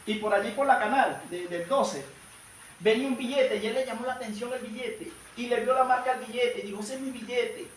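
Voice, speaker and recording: A man's voice: very high voice, a little fast. A man preaching a sermon at a church service, fervently addressing his listeners as brothers. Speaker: evangelist preacher. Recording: echoey hall, distant mic, faint noise.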